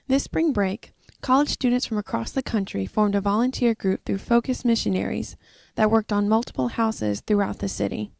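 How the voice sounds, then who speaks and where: A woman's voice: mid-range voice, creaky, warm tone, no echo. A woman giving a scripted documentary narration, reading evenly from a script.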